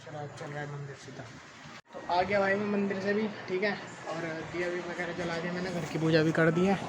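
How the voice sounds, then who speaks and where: A man's voice: high voice, fairly even intonation, a little fast. Young man, daily vlogger, casual chatty narration, repetitive fillers, phone held in hand, noisy home recording. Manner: chatty, keeps repeating "bhai" and "theek hai"; drops to a hushed voice at night. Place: family home and rooftop.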